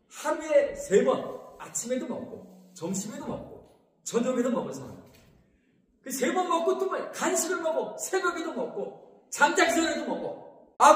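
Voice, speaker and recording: A male pastor preaching an animated sermon, asking the congregation questions and answering them himself. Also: very high voice. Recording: echoey hall from far off.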